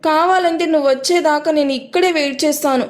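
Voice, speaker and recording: A woman's voice: sits high, fairly even intonation, fast, voice pushed up, natural voice. A woman voicing a tired but loving young man in a romance audio story, whining about shopping and then sweet-talking. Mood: weary complaining. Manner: weary complaining, then romantic. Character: tired, fond young man, playful fiancé.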